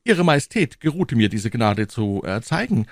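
A man's voice: mid-range voice, big pitch swings, moderate pace, no echo, studio quality, voice pushed up. A man voicing a young, proud and hot-headed guardsman in an audiobook, with eager, indignant outbursts. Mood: earnest. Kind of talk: audiobook character voice.

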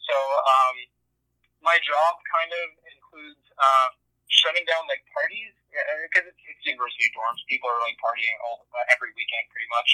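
A man's voice: mid-range voice, moderate pace, sharp tone, no echo, poor audio. A young man calling in to a show, heard over a phone on speaker, chatting casually and rambling with lots of fillers. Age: young adult. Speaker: caller. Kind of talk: casual call-in chat.

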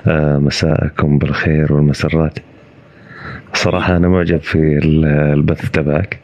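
A man's voice: extremely low pitch, flat delivery, fairly quick, a little mellow, a little hiss or hum. A man calling into a live stream, speaking politely and hesitantly as he searches for words. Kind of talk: casual conversation. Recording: muffled live-stream call audio.

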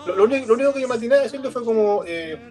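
A man's voice: extremely high pitch, lively intonation, very fast, a little mellow, soft background music. A man telling a comic childhood story in casual, crude slang.

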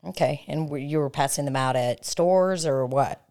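Low-voiced woman, crude joking banter. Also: moderate pace, mellow. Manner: crude, joking, swears freely. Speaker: podcast co-host. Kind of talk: casual chat. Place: hotel room.

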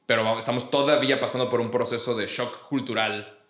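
A podcast guest from Monterrey, Mexico chats casually in an echoey room, blunt, slangy and profane. His medium-pitched voice is steady, fast and a bit bright, and the room adds a roomy echo.

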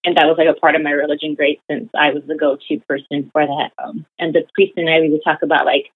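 A young woman's low, husky voice moves little in pitch as she talks fast on a dry, tinny, phone-like recording. Appearing as an interview guest, she rambles through casual stories packed with "like" and "you know."

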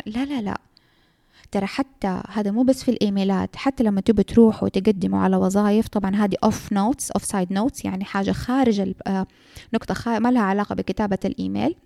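Fast-talking young woman with a gravelly voice. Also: medium pitch, dry recording, clean studio sound. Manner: lively, frank, mixes English terms into speech. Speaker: graduate student giving advice. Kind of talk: casual advice talk.

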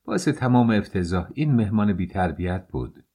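A man's voice: on the low side, lively intonation, dark tone, breathy edge. Male reader voicing a German-accented landlady, indignant, aggrieved, storybook reading. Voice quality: indignant, pleading. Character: flustered middle-aged landlady pleading her case.

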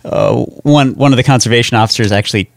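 A man guesting on a podcast, telling relaxed, rambling anecdotes in casual chat. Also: mid-range voice, fast talker, creaky, no room sound.

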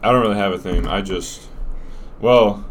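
A man's voice: on the low side, moderate pace. A young American man co-hosting a casual podcast, chatting in bro slang with casual swearing. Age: young adult. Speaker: podcast co-host. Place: small podcast room. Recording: noisy room with background ambience.

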